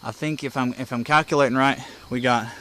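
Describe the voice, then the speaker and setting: Fairly quick and sharp-toned, a medium-pitched man keeps his intonation fairly even as he casually guides listeners step by step in a folksy, plainspoken style. The hobbyist presenter is outside next to a house porch, with insect, bird and outdoor sounds clearly present.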